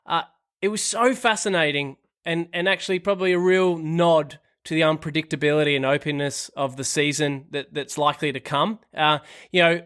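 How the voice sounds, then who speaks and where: A man with a fairly high, smooth, resonant voice steers a casual podcast conversation. He recaps at length, then hands the floor to his co-hosts with questions. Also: brisk, fairly bright tone. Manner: leads the talk with long recaps and questions. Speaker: podcast co-host.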